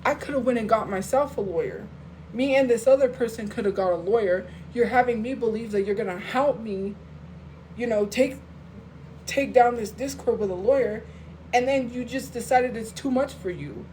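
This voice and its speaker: A woman's voice: a little high, normal speed, a little mellow, slight background noise, low-quality recording. A woman on a phone live stream, venting and defending herself to her viewers in a casual, heated way.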